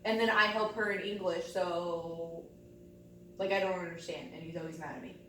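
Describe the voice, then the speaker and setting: Woman playing a chatty teen student, lowish voice, casual, super echoey room. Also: fairly even intonation, normal speed, fairly bright tone. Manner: informal teenage-style talk, peppered with "like". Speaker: playing a student in counseling role-play. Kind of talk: casual role-played chat as a chatty school student. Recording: very echoey room with faint hum.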